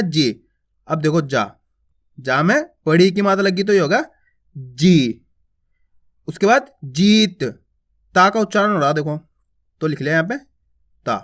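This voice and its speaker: Man, Hindi teacher, slow drilling delivery, bright ringing tone, asks and answers his own questions. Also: fairly high pitch. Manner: says each word twice, drawing out the first, then explains step by step. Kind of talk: slow word-by-word reading lesson.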